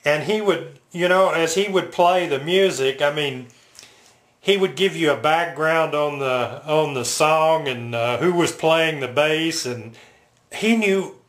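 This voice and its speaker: An older man telling personal stories casually, in a halting, reflective, unscripted way. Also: on the high side, a bit bright. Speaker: military veteran reminiscing. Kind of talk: casual personal storytelling to camera. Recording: roomy, echoing home recording.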